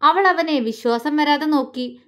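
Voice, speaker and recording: A woman storyteller reading a romantic audio story in a steady, expressive way. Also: high-pitched, unhurried. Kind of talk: scripted romantic story narration.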